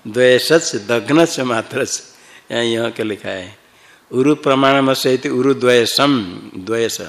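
A man teaching Sanskrit grammar in a class, reciting rules slowly and patiently quizzing his students. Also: medium pitch, a bit bright, rough recording.

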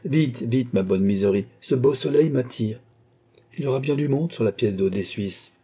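A man reading an audiobook who voices a lively, playful young queen with an exuberant manner. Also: moderate pace, breathy edge, close to an everyday voice. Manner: exuberant, raised pitch.

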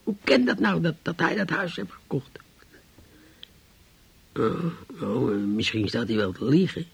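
An actor playing a bitter, sleepless old man in a radio play monologue, halting and repeating words, flaring into indignation. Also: fairly high pitch, lively intonation, creaky, breathy edge, exaggerated voice, low-quality recording. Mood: indignant.

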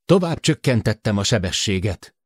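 A man's voice: fairly low pitch, sing-song, no room sound, clean studio sound, pitched above the performer's own voice. A man voicing a cocky male helicopter pilot who talks back over the radio. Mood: confident.

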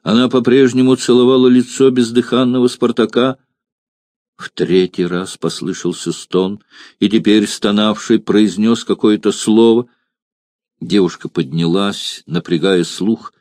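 A man narrating an audiobook in a dramatic, expressive reading. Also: on the low side, unhurried, no echo, studio quality.

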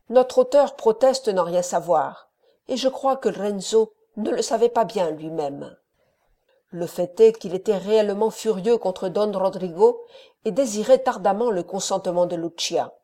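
A woman audiobook reader in measured, even storytelling narration. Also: mid-range voice. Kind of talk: scripted narration.

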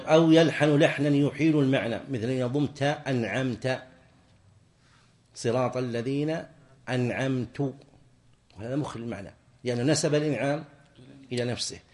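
A man teaches a classroom lesson at an even, middle pitch. He explains each point deliberately and breaks off to toss short questions to his students. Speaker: sheikh teaching jurisprudence. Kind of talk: classroom lesson on Islamic law.

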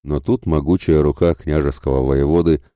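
A man narrating an adventure audiobook in a steady, measured storytelling manner. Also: very deep voice, no room sound, studio quality. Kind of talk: scripted narration.

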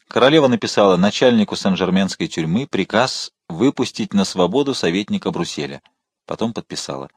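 A man narrating a historical novel in an audiobook with steady, expressive storytelling. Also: lowish voice, no echo, clean studio sound. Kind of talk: scripted narration.

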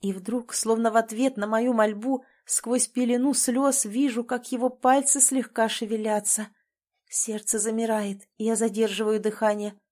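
A woman's voice: a little high, level tone, normal speed, darkish tone. A woman reading a tense first-person story aloud, with an emotional storytelling delivery. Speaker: audiobook narrator. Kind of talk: first-person audiobook narration.

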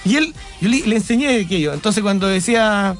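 A Chilean man with a Chilean Spanish accent co-hosts a radio show from the studio, chatting casually, joking, rambling and laughing at himself. His voice sits high and he talks briskly. Soft music plays in the background.

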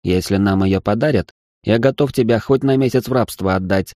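A man voicing a loud, excitable male partner who scolds and bosses in an audiobook reading. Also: on the low side, a little fast, no room sound, clean studio sound, natural voice. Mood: bossy. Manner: shouting, exasperated scolding.

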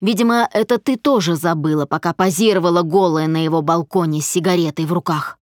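A woman's voice: lowish voice, fast talker, no echo, studio quality, close to an everyday voice. A woman voicing a domineering, jealous husband who speaks harshly and in clipped phrases. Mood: menacing.

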